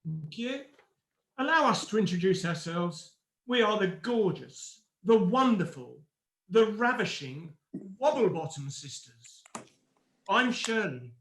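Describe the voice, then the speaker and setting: A man acts out a pompous ugly sister from a pantomime, pitched high and swinging widely. The delivery is grandiose and scornful, with slow relish, over a roomy, slightly noisy recording. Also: very animated, a bit bright, full character voice. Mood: vain, grandiose. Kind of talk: broad pantomime acting. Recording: roomy echo, faint noise, clicks.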